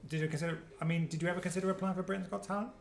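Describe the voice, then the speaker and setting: A man runs a casual livestream product demo, chatty and quick to joke. His voice sits fairly high. The room around him rings with a noticeable echo. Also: fairly even intonation, creaky, faint music behind. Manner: joking, chatty, upbeat. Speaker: company presenter on a livestream. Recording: roomy echo.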